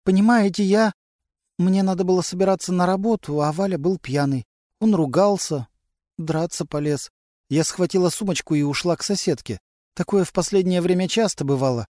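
A man voicing an anxious, tired woman, the wife of a suspect, explaining in a shaky, hurried way. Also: high-pitched, darkish tone, no echo, studio quality, voice pushed up, close to an everyday voice.

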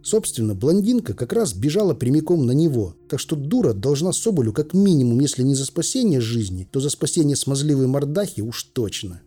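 A man reads an adventure audiobook in a dark, husky voice with a lively, rising and falling pitch. His telling is weary and dryly ironic, and faint music plays beneath him. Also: a little fast, few pauses. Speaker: audiobook narrator. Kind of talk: audiobook narration with character voices.

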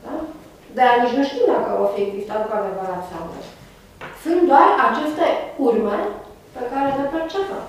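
Woman, university lecturer, halting with fillers, distant mic, faint hiss. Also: a little high, sing-song. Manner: hesitant, many filler sounds. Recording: echoey room, far from mic, faint noise.

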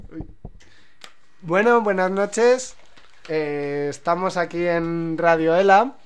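Slow-talking radio host, joking. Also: male voice, high voice, clean tone. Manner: joking, halting with many fillers and restarts. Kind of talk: casual radio chat. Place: small radio studio.

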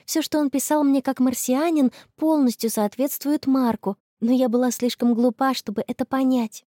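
A woman's voice: high-pitched, steady tone, moderate pace, mellow, dry recording, studio quality, voice pushed up. A woman voicing a cheerful, dreamy teenage girl in love, gushing as she talks.

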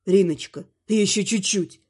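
A woman voicing a stern male dark lord who speaks calmly and firmly. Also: medium pitch, a little slow, husky, pitched below the performer's own voice. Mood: tender. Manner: strict, soothing to his wife.

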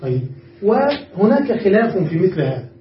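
A man's voice: high voice, sing-song, normal speed, slight background noise. A man teaching a grammar lesson to students, explaining patiently and often checking whether they have understood. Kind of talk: classroom lesson. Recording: far-off echoey muffled room recording.

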